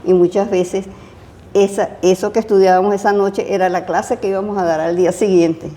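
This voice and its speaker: An older woman with a Venezuelan accent, a retired chemistry professor recalling her years of teaching in an interview, pausing often with fillers and restarts. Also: medium pitch, fairly even intonation, warm tone, a little hiss or hum. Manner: hesitant, many fillers and restarts. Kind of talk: interview, casual recollection.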